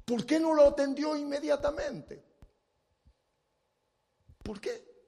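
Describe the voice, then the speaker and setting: A man's voice: very high-pitched, takes it slowly, gravelly, big-room sound. A man preaching a sermon in a dramatic style, acting out scenes and pleading voices as he speaks. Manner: dramatic, acts out the blind man's shouted pleas.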